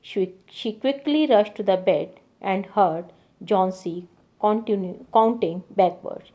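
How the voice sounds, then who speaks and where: Mellow-voiced woman retelling a story. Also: mid-range voice, slow. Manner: retells each passage in simpler words with many fillers. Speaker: teacher. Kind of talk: reading and explaining a story.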